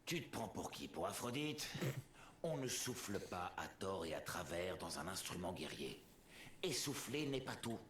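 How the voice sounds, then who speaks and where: A boastful, sulky war god from a video game speaks in a very deep voice that swoops wildly up and down. He shifts theatrically between gloom and swagger. The game audio has a roomy echo. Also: very animated, measured pace, fairly bright tone, slight background noise, full character voice. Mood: lecturing. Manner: theatrical, swinging sharply between gloom and bluster. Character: boastful grown male war god, bird-brained and sulky. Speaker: game character.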